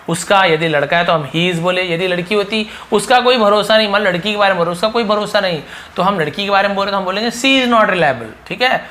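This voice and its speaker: A man's voice: sits high, fairly bright tone. A man teaching spoken English in a casual lesson, repeating each phrase and asking rhetorical questions.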